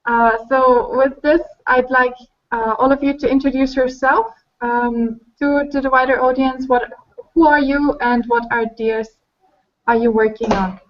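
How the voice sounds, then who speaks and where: High-voiced woman hosting a webinar. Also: fairly even intonation, unhurried. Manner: friendly and organized, calls on participants one by one. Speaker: webinar host. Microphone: video call. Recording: dull online call audio.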